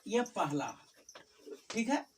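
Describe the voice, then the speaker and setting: Slow and sing-song, her mid-range voice carries a darkish tone as she teaches in a tuition classroom. She repeats each term and keeps checking that her students understand, and a far-off mic captures faint noise around her.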